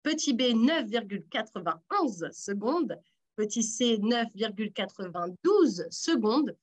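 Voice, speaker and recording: Upbeat radio quiz host, a woman with a fairly high voice who teases her players. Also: big pitch swings, measured pace. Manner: teasing, encouraging contestants. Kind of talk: lively radio quiz hosting.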